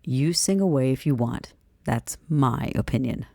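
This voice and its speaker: A woman's voice: extremely low pitch, lively intonation, measured pace, vocal fry, mellow, no room sound, studio quality, heavily acted. A woman voicing an easygoing, playful man, a doting fiancé, with light-hearted teasing in a cozy mystery audiobook. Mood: tender teasing.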